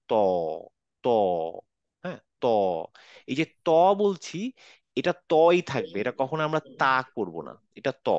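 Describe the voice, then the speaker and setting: A man's voice: medium pitch, no echo, lo-fi sound. A man teaching Quran letter pronunciation in an online class, patiently saying each sound over and over. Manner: patient, demonstrates sounds by repeating them.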